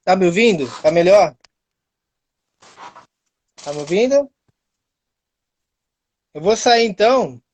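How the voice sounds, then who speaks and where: A man's voice: high voice, expressive, slow, long pauses. A man co-hosting a live stream from his phone, explaining things patiently and checking whether he can be heard, his voice breaking up over a freezing video call. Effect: choppy, freezing video-call audio that cuts out. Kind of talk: casual live-stream chat.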